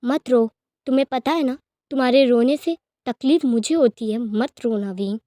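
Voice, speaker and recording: A woman's voice: a little high, moderate pace, dry recording, studio quality, natural voice. Woman doing a fierce, protective young man. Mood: tender. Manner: earnest, forceful pleading.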